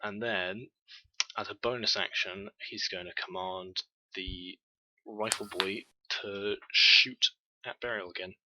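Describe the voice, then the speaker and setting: A man's voice: lowish voice, fairly even intonation, slow pace, sharp tone. A man narrating a tabletop game as game master, hesitant and full of filler sounds.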